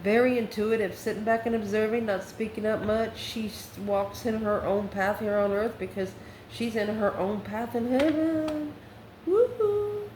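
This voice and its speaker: At a normal speed and with a level tone, a mid-range female voice gives a spontaneous tarot reading. The reader addresses the viewer directly in a casual, exclamatory manner. Faint noise and echo come from the room.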